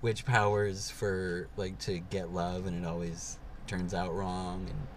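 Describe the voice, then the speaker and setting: A young man co-hosting a podcast talks slowly and levelly in a low voice, with a faint hiss or hum behind him. He's parked in a car, chatting casually and rambling with lots of fillers.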